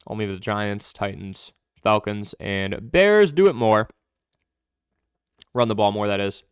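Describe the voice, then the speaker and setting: A young man hosting a live fantasy football stream, answering viewer questions in quick, chatty commentary. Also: lowish voice, clear, resonant tone, no echo, studio quality. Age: young adult.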